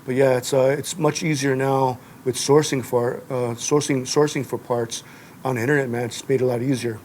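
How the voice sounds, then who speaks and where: Laid-back man, flat even delivery. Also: medium pitch, moderate pace, a little hiss or hum. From Japan. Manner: relaxed, rambling, says "man" and "you know" often. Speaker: interviewee. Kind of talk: casual on-camera interview.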